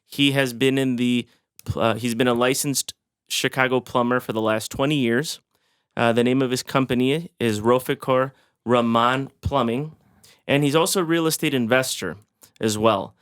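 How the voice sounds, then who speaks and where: Upbeat male podcast host, smooth voice. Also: medium pitch, moderate pace, fairly bright tone. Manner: upbeat, encouraging, many fillers. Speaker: podcast host and real estate broker. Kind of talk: casual podcast hosting.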